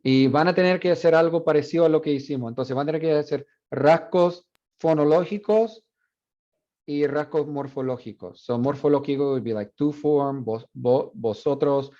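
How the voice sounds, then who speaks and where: Male Spanish professor, mellow voice, dull muffled recording. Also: a little high, normal speed. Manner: relaxed, explanatory, with fillers. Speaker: university Spanish instructor. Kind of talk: classroom lecture switching Spanish and English.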